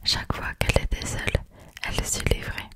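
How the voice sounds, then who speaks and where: A reader whispering a classic novel in a soft, unvoiced ASMR style, as a scripted literary narration. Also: fairly quick.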